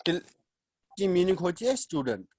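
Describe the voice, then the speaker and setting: A man teaching a language class over a video call, explaining slowly, repeating words and quizzing his students. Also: sits high, big pitch swings. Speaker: Arabic teacher. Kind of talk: online class lecture.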